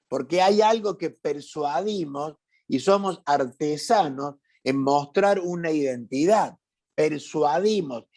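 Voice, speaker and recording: A male preacher with a Cordobese Argentine accent delivers a sermon in a slow, deliberate cadence. His voice sits somewhat high for a man, and he presses each point home with repetition and questions aimed at the listener. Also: darkish tone. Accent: Cordobese Argentine Spanish. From Córdoba, Argentina. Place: church meeting hall.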